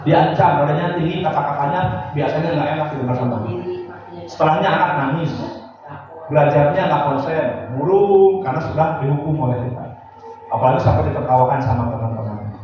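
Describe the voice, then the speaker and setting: Man, high-pitched, quizzing a room of teachers; distant, dull, echoey hall recording with noise. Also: a little fast. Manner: quizzes the audience, acts out scolding teachers. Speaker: teacher trainer. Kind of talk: interactive workshop lecture.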